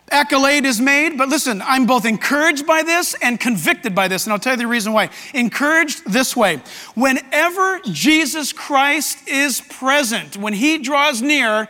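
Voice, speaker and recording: A male pastor preaches in a high, ringing voice that rises and falls all the time. He is animated and acts out quotes and voices. The sound carries a long reverb from a large hall. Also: measured pace. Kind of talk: sermon.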